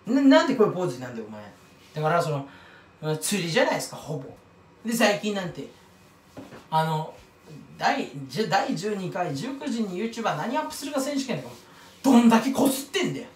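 A man's voice: high voice, big pitch swings, fast, distant mic. Rambling, self-mocking man in a roomy echo. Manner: self-mocking, rambling tangents, stumbles over words. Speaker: YouTuber commenting on another creator. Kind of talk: casual rambling monologue.

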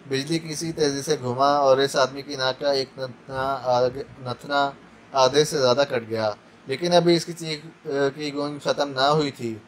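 A man narrating a spy thriller audiobook in measured storytelling style. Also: mid-range voice, a little hiss or hum, poor audio. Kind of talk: dramatic novel narration.

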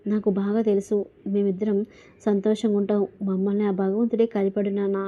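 A fiercely defiant young married woman presses her questions in an insistent, confrontational way, as a woman narrator puts her on. The delivery stays fairly flat in pitch. The recording sounds dull and lo-fi. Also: brisk, lightly acted. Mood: angry.

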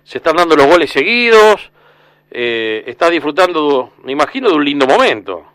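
A man's voice: a little high, sing-song, moderate pace, fairly bright tone, no room sound. A man with a Rioplatense Spanish accent hosting a casual radio sports interview, asking long, rambling questions full of restarts.

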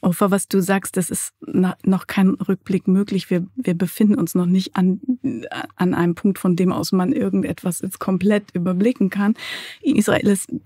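A woman's voice: medium pitch, fairly even intonation, normal speed, dark tone, breathy edge, no echo. A middle-aged woman hosting a studio podcast interview, asking long reflective questions. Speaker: interviewer, host. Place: small studio. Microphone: desk microphone.

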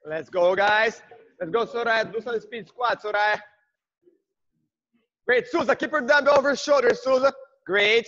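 High-pitched, hard-driving gym-bro fitness coach, male. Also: sharp tone, highs cut off. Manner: high-energy gym-bro encouragement, clipped repeated praise. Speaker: group fitness instructor. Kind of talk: workout class coaching, shouted cues and countdowns. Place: large indoor gym, on a video call.

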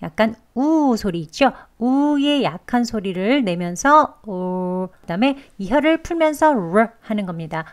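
A woman teaching English pronunciation, explaining patiently and modelling sounds slowly. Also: fairly high pitch, expressive. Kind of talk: pronunciation lesson.

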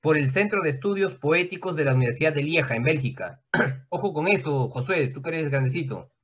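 A man with a fairly high voice teaches a class over a video call. He explains at length in a loose, conversational way and keeps checking in with his students. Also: expressive, fairly quick, a bit bright, breathy edge. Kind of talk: online class lecture.

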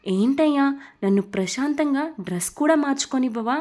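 A woman voicing a flustered young woman in a storybook romance, talking in a sharp, exasperated scolding way. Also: high-pitched, expressive, fairly quick. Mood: annoyed.

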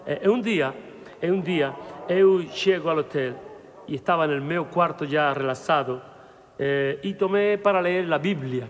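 High-voiced man telling jokes live. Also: fairly bright tone, long reverb tail. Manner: mixes Portuguese into Spanish, laughs at own jokes. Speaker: stand-up comedian telling jokes. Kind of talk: live stand-up joke telling. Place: live show before an audience.

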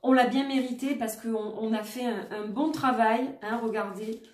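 A woman doing a daily oracle card reading for her viewers, gentle and reassuring, often repeating herself. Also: a little high, fairly even intonation, moderate pace, recorded from a distance. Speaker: tarot and oracle card reader. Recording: roomy echo, voice set back from the mic.

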